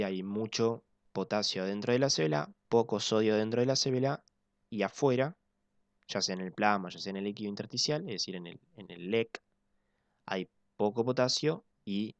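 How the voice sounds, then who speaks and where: A man teaching physiology in an online class, explaining step by step and slowing down to repeat key points. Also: fairly low pitch, clear, resonant tone, dry recording. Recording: dull lo-fi dry sound.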